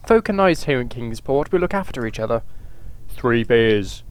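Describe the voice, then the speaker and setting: A man's voice: mid-range voice, animated, normal speed, clear, resonant tone, pitched below the performer's own voice, lightly acted. A man doing a prickly small-town barkeep. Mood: stern.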